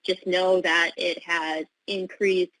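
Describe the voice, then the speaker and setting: A woman clinical pharmacist answering webinar questions over a video call, measured, with frequent filler pauses. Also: lowish voice, little pitch movement, fairly bright tone, no room sound, low-quality recording.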